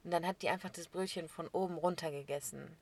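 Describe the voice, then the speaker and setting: A young woman chatting casually as a podcast co-host, telling a story with lively laughs and acted-out quotes. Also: on the low side, quick pace, gravelly. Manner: animated storyteller, laughs often, acts out quotes.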